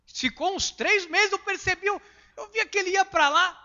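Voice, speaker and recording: Brazilian male pastor, high ringing voice, emphatic sermon, muffled lo-fi tape. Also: normal speed. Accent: Brazilian Portuguese. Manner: emphatic preaching, swinging between loud and hushed.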